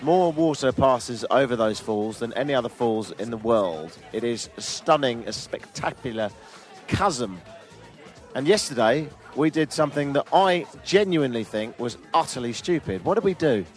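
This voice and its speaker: A man's voice: medium pitch, animated, normal speed, soft background music. A man hosting a travel vlog outdoors on a river boat, speaking in a dry, self-deprecating, joking way. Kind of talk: casual travel chat.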